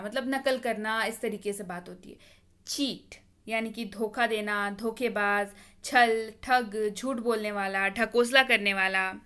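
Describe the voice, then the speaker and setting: Slow, patient woman teaching vocabulary. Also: a little high, a bit bright. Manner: patient, drills each word twice, corrects pronunciation. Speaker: English teacher. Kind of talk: vocabulary lesson, word then meaning, repeated slowly.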